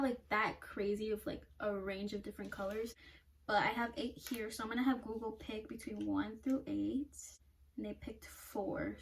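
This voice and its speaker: A young woman doing a casual makeup vlog, blunt and self-mocking, swearing freely and laughing at herself. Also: fairly high pitch. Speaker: beauty vlogger. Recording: somewhat distant mic with faint noise.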